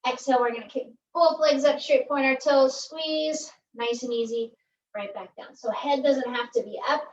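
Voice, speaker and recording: A high-voiced woman coaches a pilates core routine in a chatty, upbeat way, counting reps aloud as she works out. Her voice carries the echo of a room and comes from some way off the mic. The sound is a little dull, with faint hiss underneath. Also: moderate pace, far from the mic. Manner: upbeat, chatty, keeps asking "right?". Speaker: pilates instructor. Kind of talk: workout instruction.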